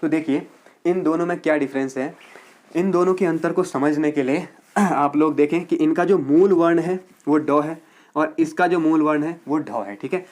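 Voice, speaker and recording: A male teacher with a fairly high voice gives a grammar lesson for exam students. He explains point by point and keeps checking in with his class. He repeats words slowly to demonstrate their pronunciation. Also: darkish tone. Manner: explains step by step, repeating "ठीक है" to check understanding.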